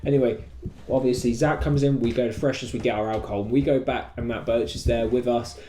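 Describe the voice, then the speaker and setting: A man's voice: medium pitch, fairly even intonation, fast, warm tone. Rambling young man, roomy sound. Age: young adult. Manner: rambling, stop-start, repeats himself. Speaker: podcast co-host. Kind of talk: casual anecdote among friends. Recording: roomy echo, faint noise.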